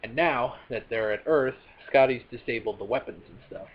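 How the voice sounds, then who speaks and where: A man's voice: mid-range voice, moderate pace. A man casually recapping a film plot as a reviewer, rambling with many fillers and self-corrections. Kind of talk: casual spoken movie recap. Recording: dull lo-fi recording with faint noise.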